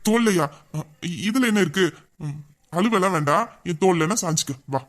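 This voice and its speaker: A man's voice: high-pitched, expressive, normal speed, a bit bright. A man voicing a young man in an audio drama who patiently comforts and reassures his tearful best friend. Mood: soothing. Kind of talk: emotional audio drama acting.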